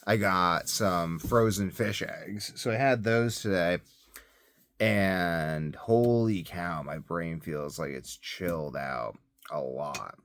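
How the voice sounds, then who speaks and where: A self-experimenting health vlogger and parent rambles casually in a video diary, repeating phrases for emphasis. He's recorded on a phone set up close by, and the sound is dry. His voice sits low with a bit of brightness.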